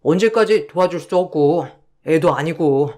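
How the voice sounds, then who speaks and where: A woman voicing a tired, apologetic young husband who speaks low and slowly. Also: mellow, lightly acted. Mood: weary, apologetic. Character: young husband, weary, apologetic and soft-spoken.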